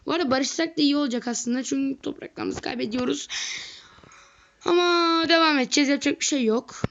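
A woman doing let's play commentary on a strategy game, excitable and slangy, often yelling at the game. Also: high voice, fairly quick, gravelly. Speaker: gaming video creator. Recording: lo-fi with faint noise.

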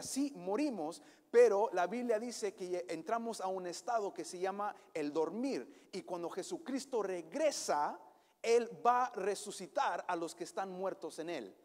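Man, pastor, high voice, animated sermon, long church hall reverb. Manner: animated preaching with English words mixed in.

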